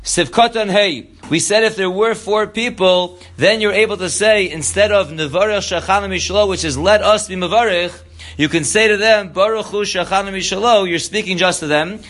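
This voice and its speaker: High-voiced man teaching a halacha lesson. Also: moderate pace, a bit bright. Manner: reads Hebrew text then explains in English. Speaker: Torah teacher.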